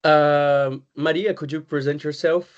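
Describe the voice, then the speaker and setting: A man from Brazil, a community manager, hosting an online webinar in a relaxed, conversational way over a video call. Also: on the high side. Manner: relaxed, conversational, pauses often with "uh" and "um". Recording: slightly muffled video call audio.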